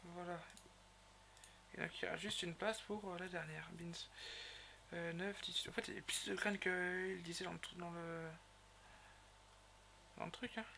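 A man's voice: high-pitched, gravelly, pushed and bright, a little hiss or hum. A man giving casual gameplay commentary as a video host, rambling and hesitant, with many fillers and self-corrections. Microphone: raised gaming mic.

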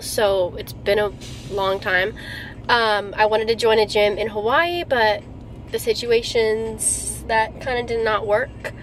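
A young adult woman chatting casually to camera in a halting, meandering way while driving. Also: a little high. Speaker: vlogger. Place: inside a car while driving. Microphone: camera mounted on the dashboard. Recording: loud car and road noise.

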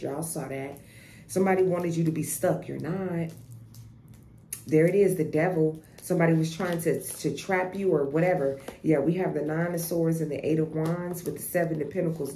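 A woman's voice: low-pitched, warm tone. A woman giving a casual tarot reading, blunt and profane, often repeating herself and restarting. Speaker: tarot reader. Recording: echoey room with faint noise.

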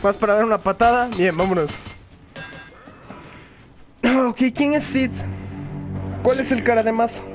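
A young man giving excited, joking commentary while he plays a video game, often yelling and laughing. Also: very high-pitched, measured pace, pauses often, music in the background. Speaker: gaming video host. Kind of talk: live gaming commentary.

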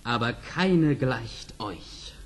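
Noble young prince, husky, sweeping intonation, earnest formal declamation, fairy-tale audio play. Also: male voice, medium pitch, animated, drawn-out words. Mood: ardent. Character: ardent young Persian prince, noble and courteous.

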